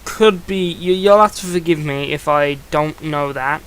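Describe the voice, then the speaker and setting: A young man talks through a review in a casual, rambling way, often restarting his sentences. His voice sits a little high for a man and sounds smooth and clear. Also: unhurried, fairly bright tone. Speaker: comic book reviewer.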